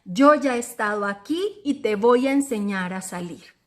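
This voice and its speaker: A woman voicing a calm coworker who speaks with steady reassurance. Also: mid-range voice, moderate pace, lightly acted. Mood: reassuring.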